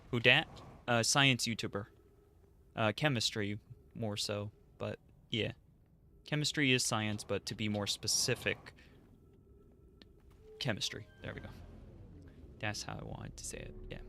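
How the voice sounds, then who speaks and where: A man's voice: on the low side, creaky, pushed and bright, a little hiss or hum. A man streaming a game, rambling playfully as he plays and answers chat. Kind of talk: casual gameplay commentary.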